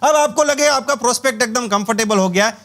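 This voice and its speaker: High-voiced trainer telling stories. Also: male voice, quick pace, fairly bright tone. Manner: storytelling with acted-out dialogue and chuckles. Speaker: network marketing trainer. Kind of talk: humorous motivational training talk.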